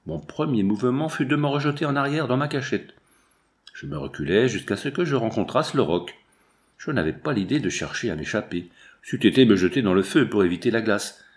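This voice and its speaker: A man reading a first-person adventure novel aloud as a measured, tense audiobook narration. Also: lowish voice. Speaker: audiobook reader.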